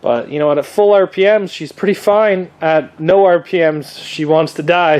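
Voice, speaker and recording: A young man with a noticeably high but darkish voice, a demolition derby builder and vlogger, chats casually from his home workshop or garage. Stuffy and sniffling with a cold, he rambles in a laid-back way, dropping frequent "uh" fillers.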